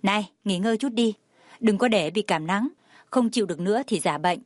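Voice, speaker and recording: A woman plays a cheerful young male student who teases his friends in a quick, joking tone. Her mid-range voice sits close and dry, with no room around it. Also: mid-range voice, no room sound, lightly acted. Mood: teasing. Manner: brisk, joking.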